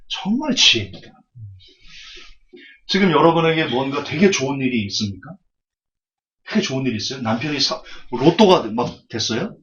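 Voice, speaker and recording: A man preaching a sermon with storytelling, lively and humorous, speaking straight to his listeners, on a dull lo-fi recording. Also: medium pitch. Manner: lively, humorous, addresses the audience directly.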